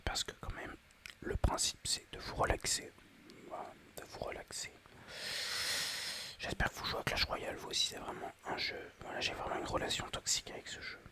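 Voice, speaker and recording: This is chatty, excitable ASMR whispering from a man playing a mobile game, aimed at his viewers and delivered at normal speed.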